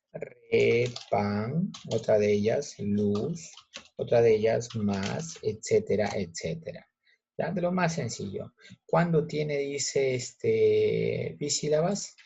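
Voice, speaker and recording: A male teacher patiently explaining a grammar lesson step by step, checking in with students with quick questions. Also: mid-range voice, gravelly, mellow, a little hiss or hum. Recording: muffled lo-fi recording.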